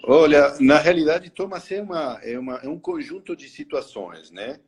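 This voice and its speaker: A middle-aged Argentine man, a native Spanish speaker with an Argentine Spanish accent, tells his story as a guest on a live interview over a video call. His voice is a little high and slightly rough at a moderate pace, and he hesitates often, restarting phrases and saying "né?" frequently.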